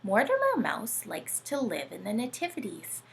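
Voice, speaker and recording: Reading and chatting playfully to young children, a read-aloud host uses a sing-song, animated delivery and often asks them questions. Her voice is slightly high with vocal fry, at a moderate pace.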